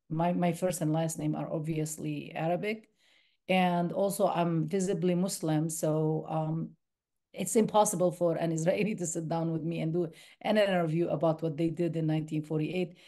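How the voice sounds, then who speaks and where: A documentary filmmaker from the West Bank answers interview questions thoughtfully in a university screening room, frequently restarting her sentences. Her voice is lowish with a dark tone.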